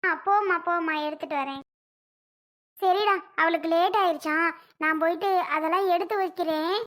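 A performer playing a tired, meek mother-in-law in a family comedy skit, speaking softly and with resignation. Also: extremely high pitch, moderate pace. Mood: resigned.

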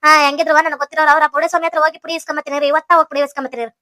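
A woman's voice: high voice, level tone, rapid-fire, sharp tone, dry recording, studio quality. A woman with a North Karnataka Kannada accent voicing a scheming, bossy rich village matriarch in a cartoon comedy. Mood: plotting. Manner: plotting, bossy, bargaining.

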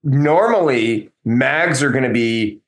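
Brisk, laughing man on a video call. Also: medium pitch, animated, rough recording. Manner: reads out figures briskly, laughs easily. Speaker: podcast co-host reviewing auction results. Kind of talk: casual chat.

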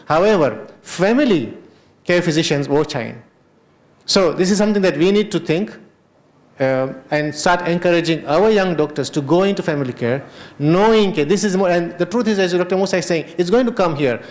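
A middle-aged man with a Kenyan Memon accent and a fairly high voice moderates a health panel, chatting loosely and unscripted. Holding a handheld mic in a large hotel conference hall, he switches between English and Kutchi phrases, speaking a little fast with lively intonation.

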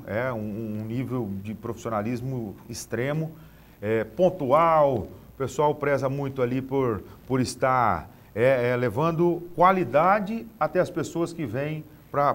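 A middle-aged Brazilian man speaking casually as an interview guest, often repeating small words as he looks for the next phrase. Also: mid-range voice. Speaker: rodeo announcer being interviewed. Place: TV studio, standing.

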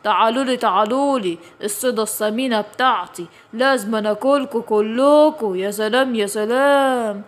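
A greedy male tiger prowls through this children's story, gloating over his prey in a slow, taunting growl that sits far below the voice of the woman who acts him out. He speaks with an Egyptian accent, and the voice stays quick and bright at heart. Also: on the high side, voice pushed down, close to an everyday voice. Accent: Egyptian Arabic. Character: hungry menacing male tiger predator.

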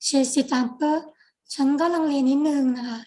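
A Thai woman teaching French vocabulary, speaking slowly and patiently and repeating each word. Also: high-pitched, fairly even intonation, a little mellow. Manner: slow, patient, repeats words. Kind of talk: vocabulary lesson.

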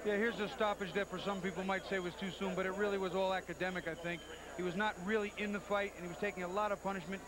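A man's voice: high voice, steady tone, fast talker, a crowd in the background. A man analysing a fight as a commentator, conversational, plain-spoken and explanatory. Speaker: boxing analyst. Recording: noisy old TV sports broadcast. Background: loud arena ambience.

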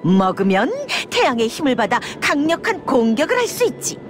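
An actress voicing a peppy robot food cart vendor rattling off theatrical sales patter in a game. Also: female voice, on the high side, very animated, fairly quick. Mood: peppy pitching. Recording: music behind the voice.

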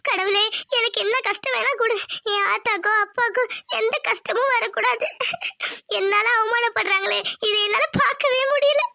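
A woman voicing a gentle young village wife from a poor family in a cartoon, speaking with soft, pleading sobs. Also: very high-pitched, steady tone, fairly quick. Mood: sorrowful. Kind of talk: cartoon voice acting.

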